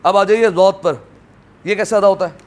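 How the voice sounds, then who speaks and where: High-voiced man drilling Arabic pronunciation. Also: steady tone, a little hiss or hum. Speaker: Quran recitation teacher. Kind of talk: classroom tajweed lesson. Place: classroom with students.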